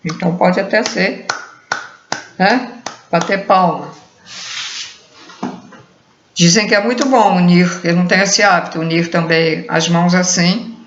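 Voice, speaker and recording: A woman giving an unhurried spiritual talk, musing aloud and often trailing off with a questioning "né". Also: fairly low pitch. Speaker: spiritual teacher. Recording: roomy, dull lo-fi recording.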